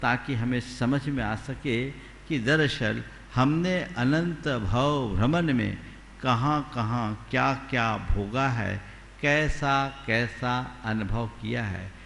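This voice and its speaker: Slow gravelly-voiced man preaching. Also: medium pitch, fairly bright tone. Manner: slow, deliberate teaching with rhetorical questions. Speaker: Jain monk. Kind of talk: sermon. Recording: long hall reverb, faint background noise.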